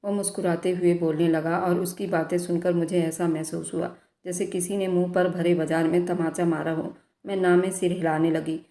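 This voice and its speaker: A woman tells a first-person story in an even, monotone reading. Her voice is low-pitched and dark, with a mellow tone. The room adds a noticeable echo. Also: normal speed, hardly any pauses. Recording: roomy echo.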